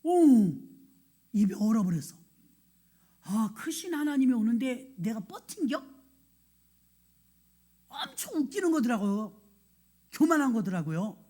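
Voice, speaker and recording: Woman pastor, husky voice, lively sermon storytelling, acts out scenes. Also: fairly high pitch, a little slow, pauses often. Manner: animated, acts out scenes and quoted thoughts. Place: church sanctuary.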